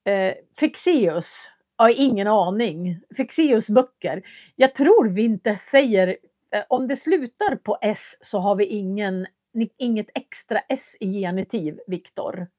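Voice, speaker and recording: A woman's voice: medium pitch, lively intonation, darkish tone, no room sound. Lady from doing a live stream, friendly chat, lots of ums, dry sound. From Köping, Västmanland, Sweden. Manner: chatty and friendly, with frequent hesitation fillers. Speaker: language teacher and livestream host. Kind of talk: casual livestream chat, reading viewer comments.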